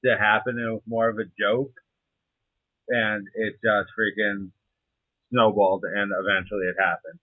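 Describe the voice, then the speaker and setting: A young adult man who is a serving soldier speaks casually in an interview, hesitant and a bit profane. His voice is fairly low, flat in pitch and breathy at a moderate pace, heard dry over a muffled, narrow, phone-like line.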